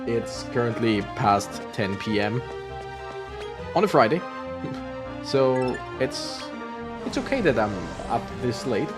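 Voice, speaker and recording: A man's voice: mid-range voice, sing-song, slow pace, long pauses. A tired man giving casual, rambling commentary as he plays, laughing and breaking off mid-thought. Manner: rambling, laughing, self-interrupting. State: tired, yawning. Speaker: gaming channel host. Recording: game music playing behind.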